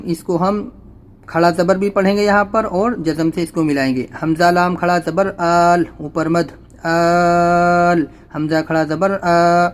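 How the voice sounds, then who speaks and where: A man teaching Quran reading, spelling out each letter and vowel slowly and drawn out, then explaining the rules in quick everyday speech. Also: high voice. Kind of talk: spelled-out recitation lesson.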